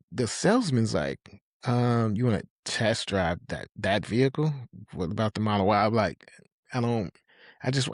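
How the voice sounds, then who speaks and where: Middle-aged man, rambling storyteller, low voice, dead dry recording. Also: darkish tone, no echo. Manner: rambling, self-correcting storyteller. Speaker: host. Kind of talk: casual storytelling.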